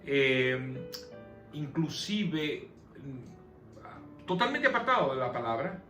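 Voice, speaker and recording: A man's voice: medium pitch, animated, takes it slowly. Man leading a Bible study in an echoey room. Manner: explains and poses questions to listeners. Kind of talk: conversational Bible study teaching. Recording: echoey room with soft music behind.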